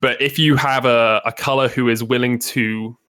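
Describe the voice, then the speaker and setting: A man's voice: medium pitch, steady tone, normal speed, sharp tone, clear, resonant tone. A man, a guest esports caster, talking casually at length in a podcast interview, often restarting his sentences. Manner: chatty, explains at length with many restarts.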